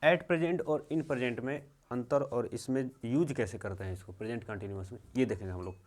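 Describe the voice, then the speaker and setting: A young man teaching English grammar in a slow, repetitive way, checking in often. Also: medium pitch, darkish tone. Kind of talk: classroom-style grammar lesson.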